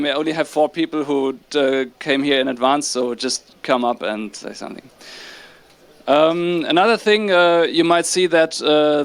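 A male host with a German accent speaks in a fairly high register. He makes informal stage announcements, improvising as he goes and often stopping to search for the next phrase. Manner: halting, improvised, frequent hesitations. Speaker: host of lightning talks. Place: on a stage before an audience. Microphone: stage microphone.

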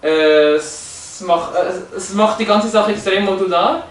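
A man's voice: sits high, unhurried. A man explaining language features from slides, hesitant, with many fillers and restarts. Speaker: presenter. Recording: roomy, echoey, from a distance.

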